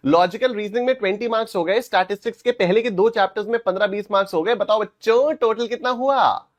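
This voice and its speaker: A young man teaching a live online class, energetic and playful, teasing students and mixing in English phrases. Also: high-pitched, fast. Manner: mixes Hindi and English.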